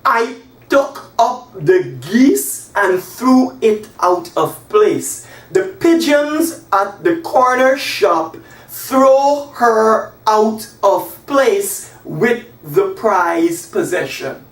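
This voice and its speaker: His voice sits high as this forties-aged man from Guyana leads a classroom English lesson at a whiteboard, gesturing animatedly and stressing slow example sentences he spells out. Recorded by a camera across the small room, he sounds far off and echoey.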